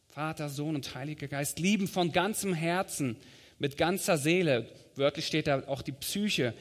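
A man preaching a sermon in a calm, measured way, giving weight to the scripture quotes he reads out. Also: a little high. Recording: long hall reverb.

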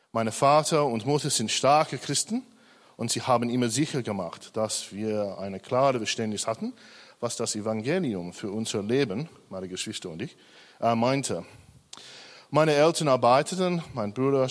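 Nervous Australian man testifying in a reverberant hall. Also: medium pitch. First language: English. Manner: hesitant, many fillers and self-corrections, slightly nervous. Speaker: church member giving a testimony. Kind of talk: personal testimony in a church service.

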